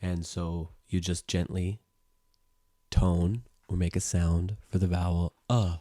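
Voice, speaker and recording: Deep-voiced man calmly teaching sound healing. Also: takes it slowly, no echo, clean studio sound. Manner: calm, gentle explaining with frequent "you know" and "um". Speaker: music teacher and sound therapist. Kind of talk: guided sound-healing lesson.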